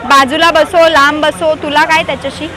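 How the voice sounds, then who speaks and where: A woman with a Marathi accent, a loud, booming street prankster who teases and provokes. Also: level tone, moderate pace, a crowd in the background, background noise.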